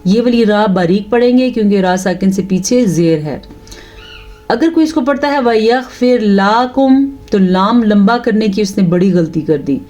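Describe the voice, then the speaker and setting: A woman teaching tajweed, patiently explaining the rules and reciting her examples slowly and drawn out. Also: medium pitch, lively intonation, dark tone, dull audio, faint music behind.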